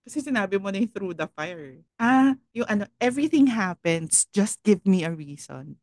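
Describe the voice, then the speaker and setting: A woman co-hosting a casual podcast chat, laughing often and reading funny sayings slowly. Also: mid-range voice, lively intonation, darkish tone, no room sound. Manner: giggly, reads misquotes slowly with laughs. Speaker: podcast co-host.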